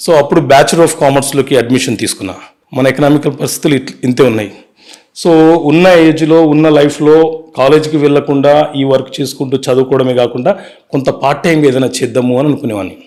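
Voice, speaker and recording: A man, an advocate telling his life story in an interview, earnest and brisk, mixing in English words. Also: mid-range voice, fairly even intonation, a little mellow.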